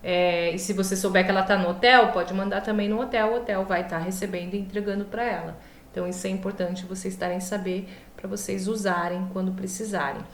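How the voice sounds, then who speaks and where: Explaining law informally in an online lecture, a Brazilian woman speaks in a mid-range voice with a steady tone and a fairly quick pace. Her mouth is swollen, which slightly hampers her speech, causing her to trip over long words and fix her own mistakes. The room she records in is echoey.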